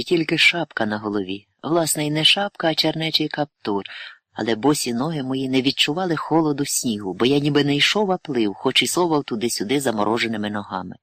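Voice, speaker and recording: Male narrator, mid-pitched, close dry studio sound, measured literary audiobook read. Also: fairly bright tone, no echo.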